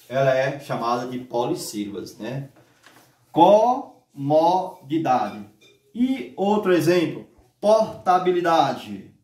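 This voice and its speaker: A man teaching a grammar lesson. He speaks slowly, asks the class questions and stretches words out syllable by syllable. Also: medium pitch, recorded from a distance. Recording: echoey room, voice from off mic.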